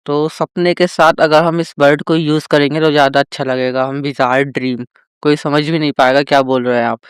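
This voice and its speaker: A male teacher giving a vocabulary lesson, addressing viewers as friends and slowly drawing out each example sentence. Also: a little high, flat delivery, clean tone, no room sound, studio quality. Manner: slow, drawn-out example sentences. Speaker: English teacher.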